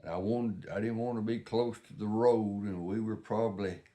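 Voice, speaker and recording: An older Southern American man with a fairly low voice reminisces casually. He is plain-spoken and folksy, rambling along as he tells his stories. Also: steady tone, moderate pace, dark tone. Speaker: vlogger.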